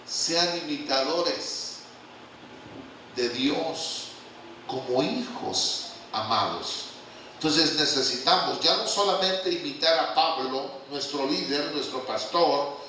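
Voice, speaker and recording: An older man delivers a lively, joking church sermon and keeps calling out questions to his congregation. His voice is bright and slightly high for a man. It is picked up from a distance in a very echoey church hall with faint background noise. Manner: lively, humorous preaching with call-and-response questions. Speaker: guest pastor.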